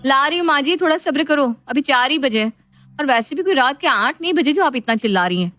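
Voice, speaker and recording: An exasperated young wife in a cartoon story, answering back sharply in a fairly high voice, as a woman narrator plays her. The recording is dry and close. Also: expressive, brisk, fairly bright tone, no echo, soft background music. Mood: snapping.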